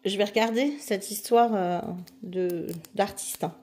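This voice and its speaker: A woman's voice: medium pitch, a little slow, darkish tone. A woman chatting casually and eagerly while she unboxes a craft kit, with many fillers and restarts. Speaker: diamond painting vlogger.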